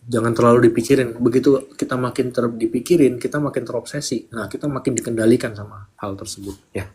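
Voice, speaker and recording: Husky man giving easy, casual advice. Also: mid-range voice, fast talker. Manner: relaxed, plain, acts out his inner talk. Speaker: guest speaker. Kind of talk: casual Q&A on a live stream.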